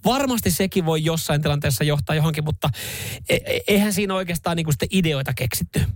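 A man's voice: on the high side, huge pitch swings, no echo. A man hosting a morning radio show, chatting and musing with frequent restarts into a studio microphone. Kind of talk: casual radio chat.

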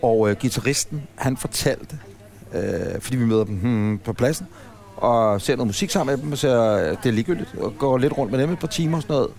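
A man's voice: medium pitch, creaky. A man chatting casually on a podcast recorded in a café, telling a long, rambling anecdote. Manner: rambling, animated anecdote-teller. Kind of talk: casual storytelling chat.

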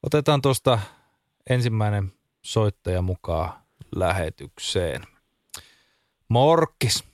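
A man voicing a gloomy radio host who always messes up, speaking slowly and glumly. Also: on the low side, lively intonation, no echo, studio quality, lightly acted.

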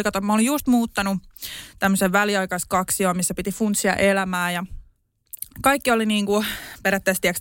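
A woman's voice: mid-range voice, a bit bright, smooth, no echo, clean studio sound. A young woman co-hosting a podcast, chatting casually and retelling a story with lots of fillers. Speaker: podcast co-host. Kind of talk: casual chat.

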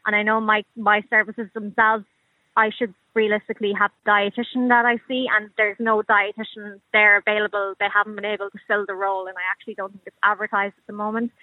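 Even-toned Irish woman on a muffled line. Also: mid-range voice, quick pace, dry recording. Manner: informal, conversational. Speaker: radio phone-in guest. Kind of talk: personal account in a radio interview. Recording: dry, muffled narrow-band call.

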